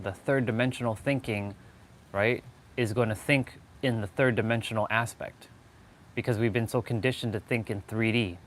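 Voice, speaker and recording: A slightly bright, mid-range male voice with a Canadian accent belongs to a Toronto man streaming live. He launches into an insistent, unplanned motivational monologue, leaning on repeated phrases for stress, against plainly noisy outdoor surroundings.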